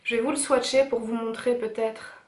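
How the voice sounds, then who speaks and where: A woman's voice: on the high side, level tone, normal speed. A young woman chatting casually and enthusiastically in a beauty haul vlog, with many fillers. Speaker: beauty vlogger. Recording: echoey room.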